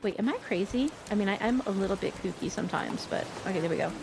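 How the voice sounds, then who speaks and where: A woman's voice: mid-range voice, fast, creaky. Effusive woman streamer over noisy ambience. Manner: effusive, freely swearing. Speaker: video game live streamer. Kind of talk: casual live gaming chat with viewers. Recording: steady noisy ambience behind voice.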